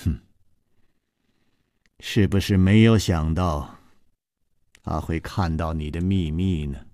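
A male storyteller voicing a stern, cold palace mistress who speaks slowly and quietly. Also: low voice, dry recording, studio quality, pitched below the performer's own voice.

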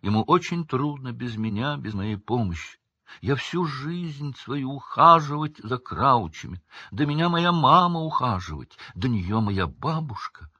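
A man voicing a devoted, tearful female house-elf who squeaks indignantly in broken grammar, in a storybook reading. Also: expressive, slow pace, breathy edge, no echo, highs cut off. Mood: sobbing. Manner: tearful, indignant, ungrammatical speech.

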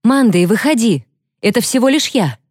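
A woman's voice: on the high side, expressive, moderate pace, a little mellow, slightly rough, no echo, clean studio sound, pitched above the performer's own voice. A woman voicing a teenage girl pleading with her best friend in a raised, urgent voice.

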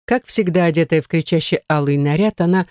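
A woman narrating a novel in a measured, even reading. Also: sits low, no echo, studio quality. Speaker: audiobook narrator. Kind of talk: scripted narration.

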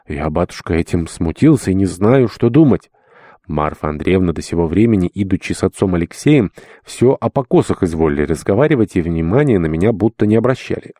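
A man's voice: sits low, mellow, no echo, clean studio sound. A man reading an audiobook, voicing a humble, sentimental elderly male dwarf servant who talks in a fussy, obsequious, old-fashioned polite way. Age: older. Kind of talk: audiobook character voice.

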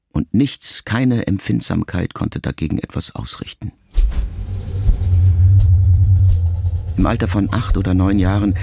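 A middle-aged actor with a gravelly, low-pitched, darkish voice plays a reflective grown son speaking to his dying mother. It's a literary first-person radio-play monologue, measured, introspective and intimate, delivered in an exaggerated voice. The recording is dry, with music playing under him, and the mood is one of sober reflection.

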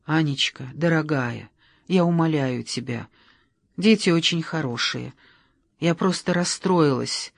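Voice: medium pitch, measured pace, no room sound, clean studio sound. An audiobook reader voicing a desperate adult woman who pleads in a tearful, begging way.

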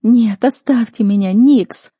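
Женщина в роли рыдающей отчаянной девушки, крик. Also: female voice, normal speed, warm tone, slightly rough, dry recording, clean studio sound. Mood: desperate screaming. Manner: shrill pleading cries. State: crying. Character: desperate young woman sobbing and screaming.

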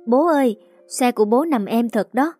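A woman's voice: lively intonation, moderate pace, mellow, breathy edge, soft background music. A woman doing a sweet pleading little girl. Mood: eager. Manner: high childlike pleading voice. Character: small chatty clingy daughter, sweet and pleading.

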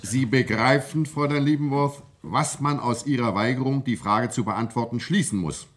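In a vintage German radio crime drama, a male actor with a mid-range voice plays a stern, insistent coroner. He questions a witness in a formal, deliberate way, and the acting is fairly light.

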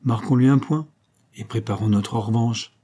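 A man's voice: medium pitch, moderate pace, mellow, husky, natural voice. A male narrator voicing a shrewd police detective who speaks in a composed, probing way. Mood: decisive.

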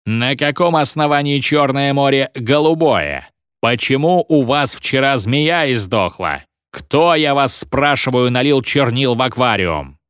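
A raging school headmaster bellows threats and rants at his staff, acted by a man reading aloud. The pitch leaps up and down with every outburst. The sound is dry and close, with no room around it. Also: expressive, unhurried, a bit bright, clean tone, no room sound. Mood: ranting. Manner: roaring, ranting, threatening. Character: furious bellowing male school headmaster, tyrant.

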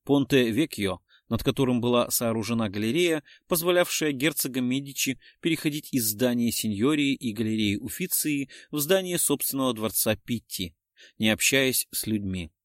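A man's voice: medium pitch, lively intonation, moderate pace, no echo, clean studio sound. A man narrating a detective novel as an audiobook, with dramatic storytelling.

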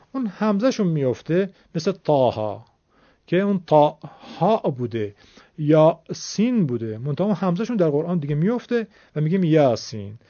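A man's voice: on the high side, mellow, no room sound. Patient man teaching recitation, dry dull sound. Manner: formal, patient, explaining step by step. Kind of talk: classroom-style explanation.

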